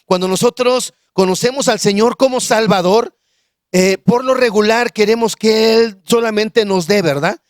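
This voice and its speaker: A man with a fairly high voice preaches a sermon in a halting, conversational way. He often restarts his sentences and checks in with his listeners. The recording is close and dry, with almost no room sound. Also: no room sound. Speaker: pastor. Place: church.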